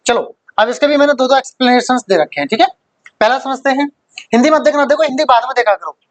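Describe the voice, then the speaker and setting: A man's voice: very high-pitched, fast talker, no room sound. A male teacher giving a vocabulary lesson, who asks questions and then answers them himself, repeating the key words for emphasis.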